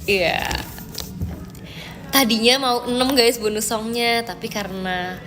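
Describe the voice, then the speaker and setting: A young woman with a fairly high voice chats casually to her live-stream viewers, answering their comments in a loose, rambling way full of fillers. Her voice trails into a long reverb, and music plays clearly underneath. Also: takes it slowly. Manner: chatty, reads viewer comments, filler-heavy. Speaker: idol group member streaming live.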